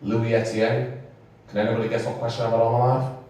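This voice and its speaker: A man's voice: medium pitch, monotone, very fast, warm tone. A young man doing a stand-up set, chatting and teasing the audience between jokes, with laughter from the crowd. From England. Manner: chatty, rambling, swears, teases the audience. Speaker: stand-up comedian. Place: small comedy venue with a live audience. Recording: echoey room, mic picked up from a distance.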